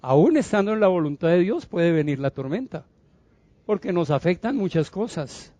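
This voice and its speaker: A man's voice: sits high, sing-song, normal speed, mellow, no echo. A man preaching a sermon as a pastor, calling for responses from his congregation and acting out the figures in the story. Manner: acts out Bible figures' voices.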